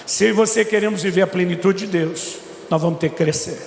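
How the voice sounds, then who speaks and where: A man's voice: sits high, brisk, creaky, a little hiss or hum. A middle-aged man with a Brazilian Portuguese accent, preaching a sermon to a congregation and telling a story in an emphatic way. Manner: emphatic storyteller, voice rising into shouts. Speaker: pastor. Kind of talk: sermon with retold dialogue. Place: church hall before a congregation. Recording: echoey hall, faint ambience.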